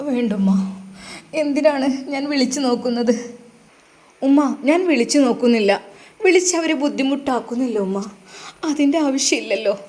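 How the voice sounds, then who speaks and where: Young wife, restrained sorrow, the narrator voices her in a high voice. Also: moderate pace, pauses often, a little mellow, lightly acted. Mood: resigned. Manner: restrained, sad.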